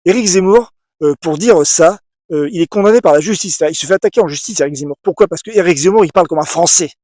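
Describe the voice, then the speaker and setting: A man's voice: high-pitched, fast talker, darkish tone, no echo, studio quality. A man giving a casual opinion monologue to the camera, emphatic and repetitive, with many restarts and asides to the viewer. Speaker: video essayist.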